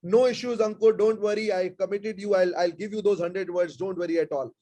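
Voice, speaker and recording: A man with an Indian English accent teaching vocabulary in a live online class, mixing Hindi and English and repeating key words slowly so they can be noted down. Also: high-pitched, steady tone, mellow.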